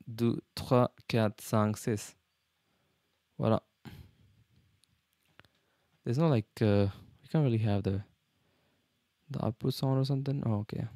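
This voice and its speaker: A man learning French as a second language, with a foreign accent in French, talking casually in a vlog and haltingly searching for words as he switches languages. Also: mid-range voice, a little mellow, dry recording, studio quality. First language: not French, a learner. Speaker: language learner, video host.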